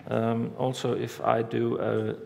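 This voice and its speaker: A man giving a conference talk, walking through a live demo step by step in a halting way, recorded in a large hall. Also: mid-range voice, flat delivery, gravelly, darkish tone. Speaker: conference speaker. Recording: reverberant hall, faint background noise.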